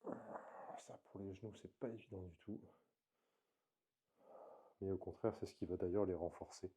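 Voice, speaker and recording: A man talking through slow floor exercises in a calm, explanatory vlog, coaching the viewer as he moves. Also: low voice, husky. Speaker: movement coach. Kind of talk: instructional vlog.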